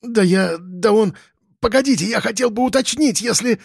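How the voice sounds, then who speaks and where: A man's voice: high-pitched, normal speed, creaky, husky, dry recording, studio quality, pitched above the performer's own voice, heavily acted. A man doing a flustered tipsy village man. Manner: fussy, stammering objections.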